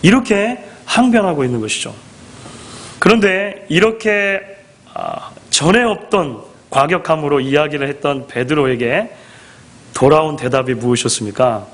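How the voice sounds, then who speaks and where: A man preaching a sermon, his voice sitting a little higher than most men's and swinging widely in pitch. He speaks in an animated way, acting out quoted lines, and keeps asking his listeners questions. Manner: asks the congregation rhetorical questions. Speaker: pastor.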